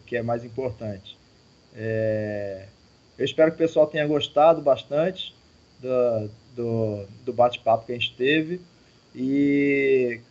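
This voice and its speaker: A man's voice: medium pitch, a little mellow. A male guest who manages projects and teaches, speaking in a hesitant way with many fillers. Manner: slow, hesitant, filler-heavy. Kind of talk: casual chat. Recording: dull lo-fi audio.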